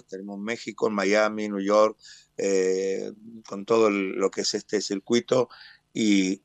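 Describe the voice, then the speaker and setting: A man from Mar del Plata with an Argentine accent, a stadium announcer telling stories in a radio interview with animated pride. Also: fairly low pitch, no echo. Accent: Argentine Spanish, Mar del Plata. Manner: animated storyteller, proud and expansive.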